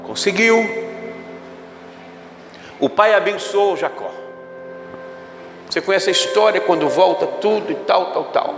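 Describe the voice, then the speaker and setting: Dramatic Brazilian pastor in an echoing hall. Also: male voice, sits high, measured pace, pauses often. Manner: dramatic, call-and-response preaching. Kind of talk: sermon. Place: church hall. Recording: echoey hall with music behind.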